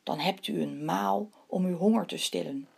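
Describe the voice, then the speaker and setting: A woman reading the part of a humble, pious male hare in a storybook tale, with a husky, breathy voice. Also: lowish voice, moderate pace, full character voice.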